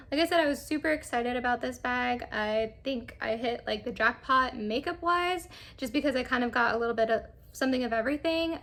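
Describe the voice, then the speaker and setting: A young woman chatting casually through a makeup try-on, rambling with lots of fillers. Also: fairly high pitch. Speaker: beauty vlogger.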